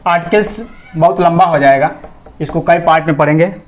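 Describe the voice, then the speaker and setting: Male grammar teacher, high pitch, patient step-by-step explainer who reads examples word by word. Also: fairly quick. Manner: repeats questions to students and answers them himself. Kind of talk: explanatory classroom lesson.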